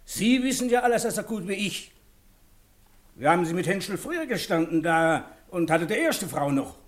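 A man's voice: high-pitched, sing-song, moderate pace. An actor playing a blunt man who accuses his friend's wife in a 1960s radio play. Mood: accusing. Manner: blunt, insistent. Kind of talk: 1960s radio drama acting.

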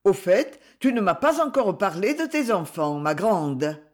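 A reader voicing Livia, a curious, excitable older woman who asks eager, anxious questions in an audiobook. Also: mid-range voice, unhurried. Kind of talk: audiobook character reading.

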